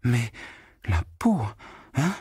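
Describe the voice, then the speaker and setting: A man's voice: medium pitch, huge pitch swings, very slow, mellow, breathy edge, no echo, studio quality, voice pushed up, exaggerated voice. A man voicing an awestruck young maid who whispers and murmurs in wonder.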